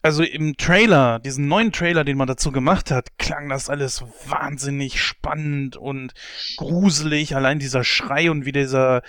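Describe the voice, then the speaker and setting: A man's voice: fairly high pitch, moderate pace, clean tone, no room sound, studio quality. Man telling a story in casual chat. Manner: storytelling, animated when amused. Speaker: podcast co-host. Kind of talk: casual podcast chat about films.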